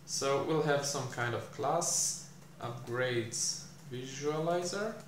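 A young man teaching programming while he codes, thinking aloud with many fillers and pauses, recorded in a small room. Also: mid-range voice. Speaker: programming tutor. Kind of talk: live coding explanation. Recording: echoey room, faint hiss.

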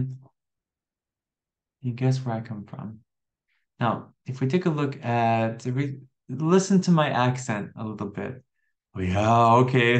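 An American man in his twenties teaching an online English lesson, talking in a friendly way, repeating words and asking the viewer questions. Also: mid-range voice. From USA. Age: 20s.

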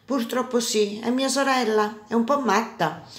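A woman voicing a bold young street boy hero in a storybook reading, lively and cheeky. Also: on the high side, measured pace, voice pushed up.

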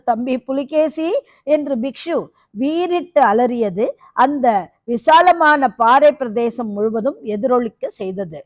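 A woman's voice: a little high, dry recording. A woman narrating a novel as an audiobook, dramatic and fond of rhetorical questions.

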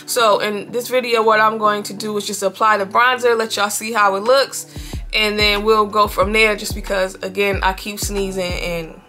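A young beauty vlogger with a bright, clear, mid-range voice and a slight sniffle from a cold chats casually through a makeup demo at normal speed. Seated in her bedroom in front of a headboard, she talks straight to the camera in a relaxed, friendly way, calling viewers y'all, with soft music underneath.

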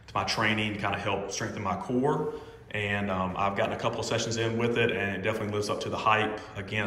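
A man in his forties walks through his home gym with a phone camera, chatting casually and filling pauses with "um". His voice sits a little low but sounds bright and forceful. A long reverberant ring from the bare room hangs behind every word. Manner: relaxed, filler-heavy, chatty. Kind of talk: casual equipment walkthrough. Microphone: phone camera held while walking.

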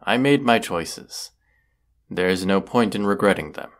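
Speaking in a deep, expressive voice, a man performs a proud, brooding, sardonic wizard of the woods for a scripted audio roleplay, with a haughty and deliberate delivery.

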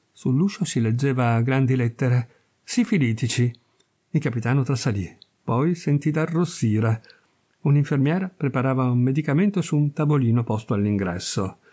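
A man with a mellow, dark and somewhat husky voice narrates a classic short story. His delivery is measured and dramatic, in the manner of a careful audiobook reader. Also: mid-range voice.

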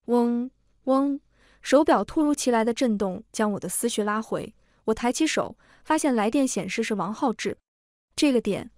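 Fairly high-voiced woman reading a story. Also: a little mellow, dry recording, studio quality. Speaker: story narrator. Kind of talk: scripted first-person story narration.

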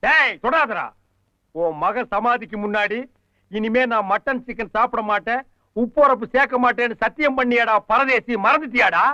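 Snarky comic lead, high bright voice, keeps scolding, muffled old film audio. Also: male voice, dry recording. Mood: sarcastic. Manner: sarcastic, scolding, quick insults. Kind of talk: Tamil film comedy dialogue. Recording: dull lo-fi film soundtrack.

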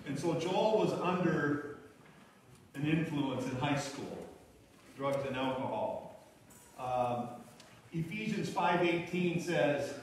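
A man's voice: medium pitch, a little hiss or hum. Man preaching in an echoey church. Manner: relaxed, halting, many fillers. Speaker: guest speaker. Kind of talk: sermon with opening prayer. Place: small church hall with congregation. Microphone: far camera at back of room. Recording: echoey room from far off.

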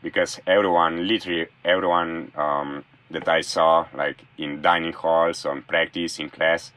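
Speaking from a small room inside his camper van, a former college thrower from Slovenia guests on a casual interview with obvious enthusiasm, though English isn't his native language. He has a low, slightly bright voice, holds a steady tone at a measured pace, and frequently begins sentences over.

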